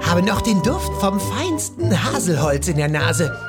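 Drowsy male beaver, children's audio drama: medium pitch, swinging intonation, grumbly and dreamy, music behind. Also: big pitch swings, a little slow.

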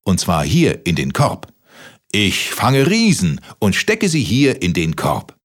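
A man's voice: lowish voice, huge pitch swings, slow, heavily acted. A man voicing a cheeky, scheming little boy puppet in a children's story. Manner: cheeky, sing-song.

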